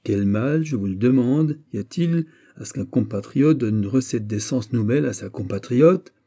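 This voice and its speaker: A man's voice: mid-range voice, lively intonation, normal speed, mellow. A man voicing a proud queen mother in an audiobook, stern and admonishing. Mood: reproving. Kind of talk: audiobook character voice.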